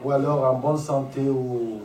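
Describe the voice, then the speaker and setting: A man interprets a sermon phrase by phrase, now and then hesitating and restarting as he searches for words. His voice is soft and mellow, and it reaches the mic from across an echoing hall. A faint hum of ambience runs underneath. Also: medium pitch, steady tone, a little slow. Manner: hesitant, with restarts and fillers while translating. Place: church conference hall. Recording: echoey hall, voice from far off the mic.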